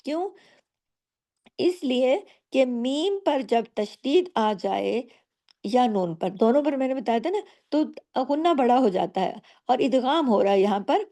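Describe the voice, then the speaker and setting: A patient woman teacher walks slowly through recitation rules, pausing to ask and answer her own questions. Her voice is a touch high but soft and mellow, and she never hurries. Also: lively intonation. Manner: patient, explains each rule and asks rhetorical questions. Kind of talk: slow step-by-step tajweed lesson.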